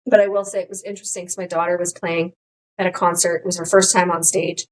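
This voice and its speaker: A middle-aged woman co-hosting a podcast, talking candidly in casual chat, rambling with many restarts and animated quotes of her own thoughts. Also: fairly low pitch, fast, low-quality recording. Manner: rambling, restarts often, animated quoting of herself. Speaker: podcast co-host.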